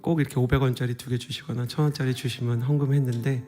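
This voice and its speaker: A man in his thirties, a guest pastor giving a revival sermon in a church, earnest and conversational with soft whispered asides. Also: mid-range voice, flat delivery, fast, soft background music. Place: church sanctuary.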